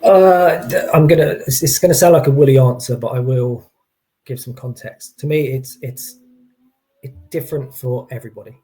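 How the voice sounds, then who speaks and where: Mellow-voiced man explaining informally. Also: mid-range voice, moderate pace, low-quality recording. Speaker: employee engagement consultant as guest.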